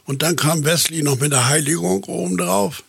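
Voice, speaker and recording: A man in casual conversation, his voice somewhat high and gravelly with a husky edge. He hesitates, fills pauses and tags his points with little questions, recorded dry and close. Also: a bit bright, no echo. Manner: hesitant, with fillers and tag questions.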